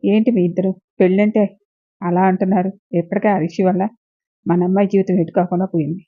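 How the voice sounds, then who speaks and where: A woman's voice: medium pitch, fairly even intonation, a little fast, natural voice. A woman voicing a bossy, scheming middle-aged mother who scolds and gives orders, in a dull lo-fi recording. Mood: scolding. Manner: scolding, commanding.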